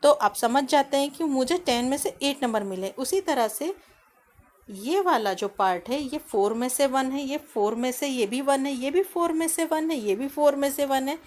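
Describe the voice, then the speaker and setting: Higher-voiced woman teaching children maths. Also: animated, darkish tone. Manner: asks the class questions, then answers them herself; reads English lines from the book slowly. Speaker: primary school teacher. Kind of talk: explaining a maths lesson to children.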